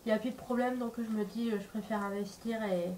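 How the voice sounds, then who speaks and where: A woman's voice: on the high side, fairly even intonation, fast, a little mellow. A woman with a congested, stuffy nose and sore throat from a cold, chatting casually to camera in a hesitant, rambling way as a vlogger. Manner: hesitant, rambling, searches for words. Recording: distant mic, faint background noise.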